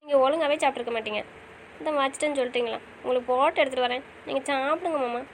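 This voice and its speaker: A woman acts out an audio drama in a pleading, questioning manner. Her voice is high and her delivery quick, with faint noise behind it. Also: low-quality recording. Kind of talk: casual audio drama acting.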